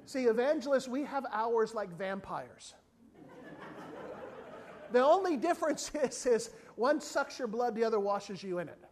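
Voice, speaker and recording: An evangelist with an extremely high voice preaches a sermon at a measured pace against a noisy background. He's not from South Africa, and he animatedly tells a funny story, briefly acting out the voices of the people in it.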